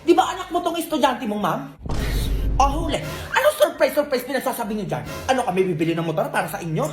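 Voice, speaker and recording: A woman performing comedy sketches, switching quickly between several characters in lively casual talk. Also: a little high, roomy sound. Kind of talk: comedy skits, playing many roles. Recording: background music.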